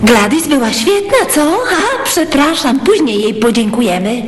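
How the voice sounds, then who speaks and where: A flippant teenage girl spy in a cartoon. The voice is high, expressive and bouncy, slightly roomy, with music behind. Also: measured pace, very noisy. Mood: cheeky, irritable. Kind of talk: animated series dub acting.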